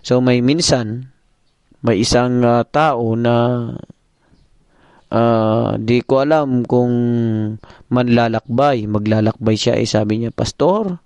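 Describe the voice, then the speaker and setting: A man's voice: medium pitch, fairly even intonation, slow pace, pauses often, darkish tone, smooth, no echo. A man preacher telling a story and giving a morning devotion sermon, calling his listeners brethren, on a dull, dry recording.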